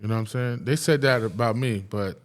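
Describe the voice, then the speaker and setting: A man's voice: on the low side, fairly quick. A man from New Jersey hosting a podcast, chatting casually in a loose, rambling way with many restarts. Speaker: podcast host. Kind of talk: casual chat.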